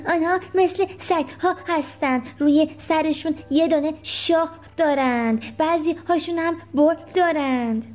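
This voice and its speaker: A woman's voice: high voice, few pauses, darkish tone, pitched above the performer's own voice, lightly acted. A woman voicing a cheeky, know-it-all pet animal who takes offence easily. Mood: boastful.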